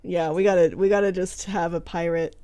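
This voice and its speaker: A woman's voice: fairly low pitch, steady tone, a little fast, a crowd in the background. A woman co-hosting a casual podcast chat with a friend. She is chatty, laughs often and trails off mid-sentence. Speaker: podcast co-host.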